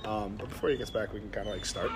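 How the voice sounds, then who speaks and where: A man's voice: lowish voice, steady tone, rapid-fire, noisy background. An American man hosting a casual interview, asking simple questions in a slightly hesitant way. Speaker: podcast host, interviewer. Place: in a bar.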